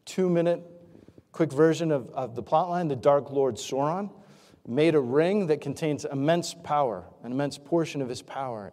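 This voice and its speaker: A man delivers a sermon in an easy, conversational way, often turning to his listeners with questions. His voice is mellow and dark. It rings out with the long reverb of a large hall. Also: medium pitch. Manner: conversational preaching with rhetorical questions. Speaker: pastor.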